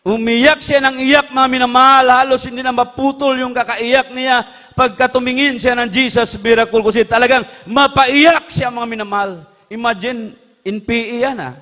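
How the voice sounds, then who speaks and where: A man preaching a sermon, impassioned, swinging from hushed tones to shouts. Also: extremely high pitch, fairly even intonation, normal speed, long reverb tail.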